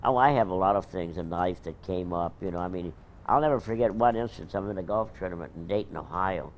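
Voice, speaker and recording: A man's voice: low-pitched, fairly quick, a little hiss or hum. A man telling an anecdote as an interviewee.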